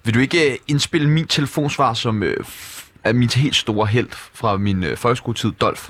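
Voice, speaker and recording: A man hosting a comedy podcast, excitable and quick to exclaim. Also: mid-range voice. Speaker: host.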